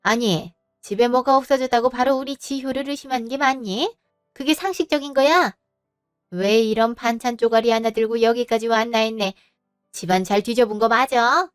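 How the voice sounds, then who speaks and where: A woman's voice: on the high side, normal speed, clear, resonant tone, dry recording, studio quality, faint music behind, lightly acted. A woman playing a domineering older mother-in-law who scolds and talks down to her son's wife. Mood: scornful. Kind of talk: Korean audio drama acting.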